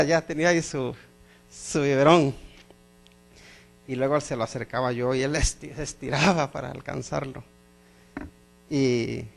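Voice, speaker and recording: A man's voice: mid-range voice, vocal fry. A middle-aged man preaching a sermon as pastor, emphatic, repeating phrases and asking the congregation questions.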